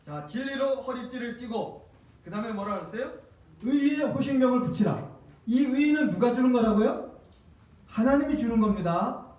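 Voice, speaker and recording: High-voiced pastor in an echoey hall. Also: male voice, a little mellow. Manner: emphatic, questions the congregation. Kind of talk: sermon. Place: church sanctuary. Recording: echoey church hall, distant mic.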